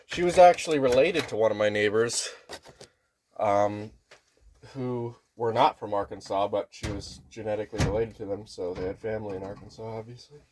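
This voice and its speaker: A vlogger with a nasal, fairly low, darkish voice rambles casually at normal speed in his home kitchen near the microwave. He restarts often and swears offhandedly, with a little hiss or hum in the background.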